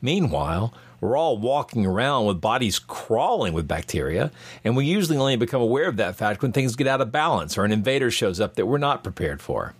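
A man hosting a science podcast in a bright, curious manner, delivering scripted narration articulately. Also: medium pitch, big pitch swings, a little fast, breathy edge. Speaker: podcast host. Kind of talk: scripted narration and show introduction.

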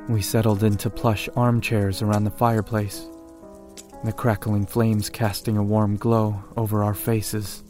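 A man giving a measured first-person scripted horror narration. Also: on the low side, level tone, darkish tone, soft background music.

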